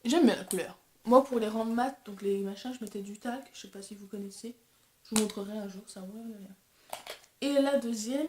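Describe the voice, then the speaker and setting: A woman's voice: a little high, dark tone, roomy sound. A young woman vlogger chatting casually and self-deprecatingly while testing makeup. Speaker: beauty vlogger. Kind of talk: casual chat.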